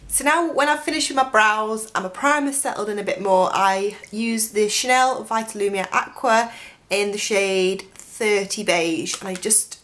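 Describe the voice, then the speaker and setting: Her voice, mid-range and a bit bright at normal speed, comes out croaky because of a chest infection. This young beauty vlogger gushes through a makeup tutorial close to the camera indoors, in a bedroom with a dressing table, saying "like" and "um" constantly.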